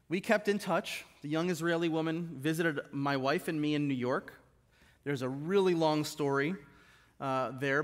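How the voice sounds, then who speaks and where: Man preaching a story-filled sermon. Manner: retells stories, drops low and soft for quoted lines. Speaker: guest preacher. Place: church sanctuary.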